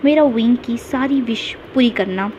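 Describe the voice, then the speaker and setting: A woman reading a story voices a reserved, stern young man who speaks calmly and briefly, close to her own voice. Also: fairly high pitch, normal speed, natural voice. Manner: calm, terse. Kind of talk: storybook character voice. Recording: dull lo-fi with faint hiss.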